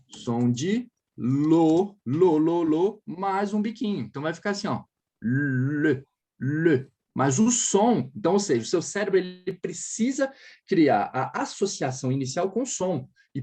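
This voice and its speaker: With a somewhat high, slightly mellow voice, this Brazilian-accented man teaches French casually to a single student, patiently modelling pronunciation for her to copy and frequently making sure she understands.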